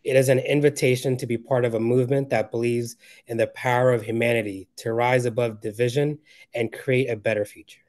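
A man's voice: medium pitch, steady tone, a little fast, a little mellow. A man reading earnest, formal welcome remarks on a video call. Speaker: webinar co-organizer.

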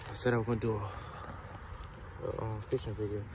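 A man's voice: lowish voice, little pitch movement, moderate pace, darkish tone, slight background noise. A young man chatting loosely and directly to his viewers in a casual vlog, recorded on a phone. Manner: loose, rambling, talks straight to viewers. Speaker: vlogger. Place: outdoors by a pond, then indoors in a room. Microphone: phone camera.

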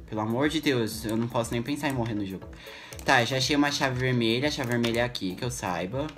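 A young man with a Brazilian Portuguese accent gives excitable, jittery gameplay commentary at his computer, full of exclamations. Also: mid-range voice, quick pace, faint music behind. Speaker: gaming YouTuber.

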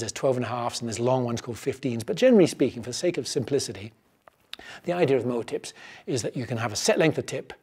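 Middle-aged guy teaching fly fishing gear, bit husky, easygoing, lapel mic studio sound. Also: mid-range voice. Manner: animated, gestures a lot while explaining. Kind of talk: relaxed explanatory demonstration. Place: indoor studio set.

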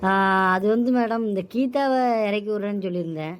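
A woman voicing several characters in a cartoon drama, brisk and reassuring. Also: mid-range voice, lively intonation. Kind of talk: cartoon voice acting, many roles.

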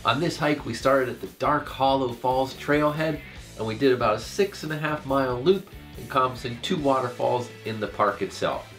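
Over loud background music with plucked guitar, a man narrates a hike in a relaxed travel vlog style. His voice is mid-range and his pace is normal as he comments along the way.

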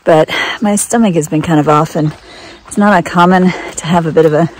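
A woman's voice: low-pitched, brisk, a little mellow. Chatty middle-aged woman vlogging on a trail. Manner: chatty, upbeat, laughs often. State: hot and tired from hiking. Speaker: hiking vlogger. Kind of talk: casual trail vlog. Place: outdoors on a mountain trail. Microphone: phone at arm's length.

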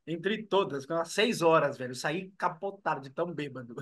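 A young Brazilian man on a home video call, co-hosting in chummy, slangy, animated talk about an album. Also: a little high, moderate pace. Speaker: co-host. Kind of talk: casual album review chat. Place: home room. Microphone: video call webcam.

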